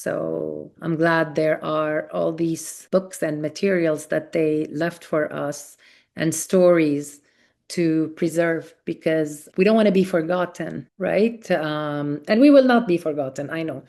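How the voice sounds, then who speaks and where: A woman in her forties with a somewhat low voice tells her story as a podcast guest. She speaks earnestly and reflectively, pausing and restarting her sentences as she remembers. She was born in Kuwait. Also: vocal fry, darkish tone. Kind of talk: personal storytelling in an interview.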